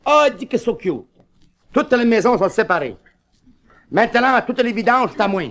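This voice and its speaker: A man telling bawdy tavern jokes with brisk punchlines and asides to the ladies. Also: very high-pitched, lively intonation, fairly bright tone. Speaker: stand-up comedian.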